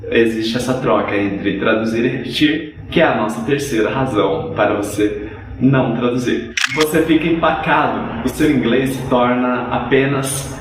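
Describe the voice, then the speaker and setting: A man's voice: medium pitch, moderate pace. Male teacher, direct and repetitive explainer, heard from a distance in a very echoey room. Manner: direct, repeats examples to drive points home. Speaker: English teacher. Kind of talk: explanatory video lesson.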